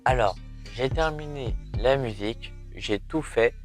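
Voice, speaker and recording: A man's voice: medium pitch, measured pace, soft background music. Young man with a slushy lisp. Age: young adult. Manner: informal, playful, self-mocking, breaks into sung or rapped lines. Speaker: amateur songwriter and video creator. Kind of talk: casual vlog, thinking aloud while writing a song.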